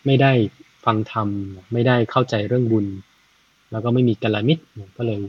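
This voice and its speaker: Male Dharma storyteller, chatty and unhurried, husky tone, dry muffled recording. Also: mid-range voice, fairly even intonation. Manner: chatty, frequent "na" tags, thinks aloud with math. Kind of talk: casual Buddhist storytelling.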